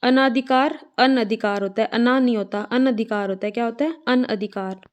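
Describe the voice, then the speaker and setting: A woman's voice: on the high side, a little mellow. Woman drilling spelling, repeating. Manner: repetitive call-and-response drilling; slows to spell words out syllable by syllable. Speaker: Hindi spelling teacher. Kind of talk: drilling lesson.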